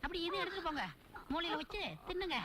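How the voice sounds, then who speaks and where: Scheming bossy houseguest, comic film, very high voice, bright tone. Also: female voice, fast talker, a little hiss or hum. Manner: dramatic lamenting, then coaxing and bossy. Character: scheming woman guest, wheedling and bossy.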